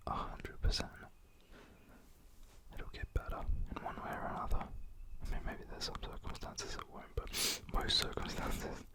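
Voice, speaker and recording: A man doing a rambling, casual ASMR chat in a soft, breathy whisper close to the mic, with a gentle, informal, reassuring manner. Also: normal speed. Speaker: ASMR creator.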